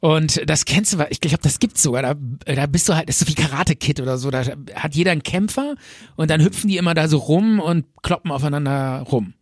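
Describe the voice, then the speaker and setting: A man's voice: fairly high pitch, quick pace, no echo, clean studio sound. A man in a casual chat, rambling with many fillers and restarts while retelling scenes and acting out the quotes.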